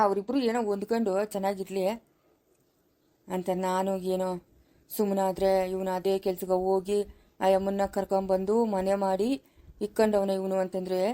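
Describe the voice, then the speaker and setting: A woman's voice: mid-range voice, lightly acted. A woman voicing a stern older village woman in a family skit, with a rural Chikkaballapura Kannada accent, scolding and pleading. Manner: scolding, pleading, rising to sharp questions.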